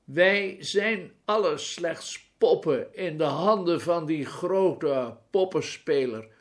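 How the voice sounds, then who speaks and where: A man's voice: on the high side, slow pace. A man voicing a grim male demagogue who preaches doom to a crowd. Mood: ranting. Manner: loud, declaiming, fire-and-brimstone.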